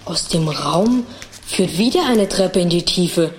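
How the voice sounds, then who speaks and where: A woman's voice: lowish voice, expressive, slow pace, slight background noise. An actress playing a methodical young boy who leads his siblings in a children's audio drama, decisive and explanatory. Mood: watchful.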